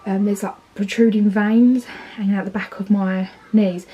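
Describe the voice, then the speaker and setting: A heavily pregnant vlogger in her thirties from England, with an Essex accent, chats casually and sounds tired, rambling with fillers and false starts. Her mid-range voice is mellow with a breathy edge and little pitch variation at a normal speed, and the recording is muffled.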